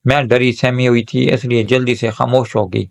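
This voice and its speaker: A man narrating an emotional moral story in the first person as a young woman, in a steady, emotional reading voice. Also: medium pitch, vocal fry.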